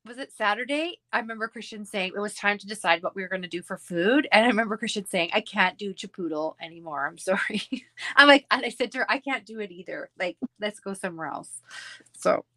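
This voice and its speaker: This woman's mid-range voice is fairly quick and sharp in tone, captured in a dry recording. She hosts a craft livestream with a Canadian accent, giggling and rambling through casual chat while she crafts.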